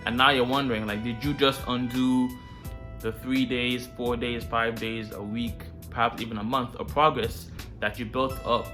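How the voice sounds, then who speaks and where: A man's voice: medium pitch, little pitch movement, moderate pace, music in the background. A man hosting a self-improvement series, talking straight to the viewer in a casual, slangy, informal way. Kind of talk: casual direct-to-viewer advice talk.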